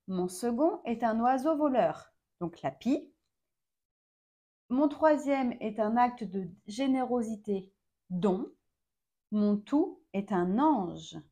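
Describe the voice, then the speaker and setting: A fairly high-voiced woman in her thirties talks to her viewers in a relaxed home-vlog style. She takes her time, pausing and hesitating often as she explains things step by step. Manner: slow and measured, with frequent hesitations. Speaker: vlog host, mother of four. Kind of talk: casual talk to camera.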